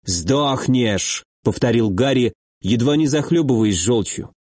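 A man narrating a fantasy audiobook in a steady, measured reading. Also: medium pitch, no echo, studio quality.

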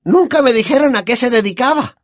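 A shrill, boozy older aunt, sneering and cruel, her voice leaping high and low. She speaks with a Latin American Spanish accent in a dry, close recording. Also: expressive, a little fast, no room sound. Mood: furious.

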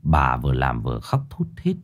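A man's voice: very deep voice, huge pitch swings, moderate pace. A man narrating a ghost story with dramatic, scripted delivery.

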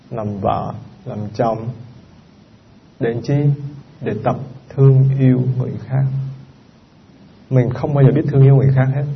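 A man's voice: medium pitch, creaky, a little hiss or hum. A man, a Buddhist monk giving a conversational Dharma talk and often quizzing his listeners. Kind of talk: Dharma talk to a live audience. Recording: dull lo-fi recording with faint background ambience.

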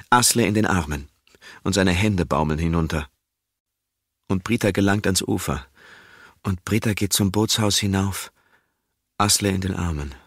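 A man reading a literary novel aloud as narrator, in a calm, measured cadence that drops toward a near-whisper for a character's thoughts. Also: lowish voice, no echo, studio quality.

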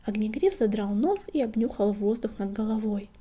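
A woman narrating an audiobook in a soft, hushed whisper. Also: mid-range voice, expressive, normal speed. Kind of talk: whispered storytelling.

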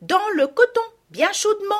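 A woman's voice: very high-pitched, lively intonation, normal speed, voice pushed up. A woman voicing a young girl, eager and sure of herself, in a storybook reading. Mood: proud. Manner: stammering when caught out.

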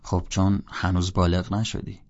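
A man's voice: low-pitched, monotone, gravelly, a little mellow. A man doing a curt, dismissive young man. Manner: dry, dismissive, clipped. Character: smug older male college student, curt. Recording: dull lo-fi recording.

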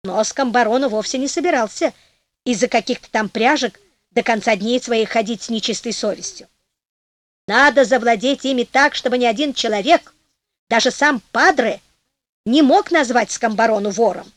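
A woman reading a folk tale aloud as an audiobook narrator, telling it in a lively way and acting out the characters. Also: on the high side, normal speed, no room sound.

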